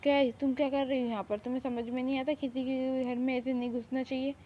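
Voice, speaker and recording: Girl voicing a bossy cold mafia guy, kinda flat and high, tinny phone sound. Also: moderate pace, lightly acted. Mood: scolding. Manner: commanding, scolding. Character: harsh young male mafia boss, bossy and cold. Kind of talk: one-woman fan audio drama. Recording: tinny phone-like recording, faint hiss.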